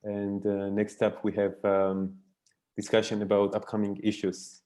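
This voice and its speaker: Brief: low-voiced man, mellow, hesitant meeting facilitator on a video call. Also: monotone, unhurried. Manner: soft-spoken, hesitant with fillers.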